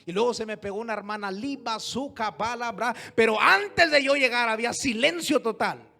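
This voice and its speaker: A man preaching a sermon as pastor, moving from hushed storytelling to loud exhortation and throwing rhetorical questions at the congregation. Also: very high voice, animated, fairly quick, creaky, soft background music. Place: church service.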